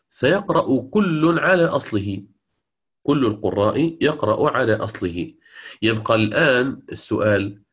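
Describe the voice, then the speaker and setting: Man teaching Quranic readings in a lecture. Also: fairly low pitch. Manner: explanatory, repeats key words, checks with "تمام؟"; chants quoted verses slowly.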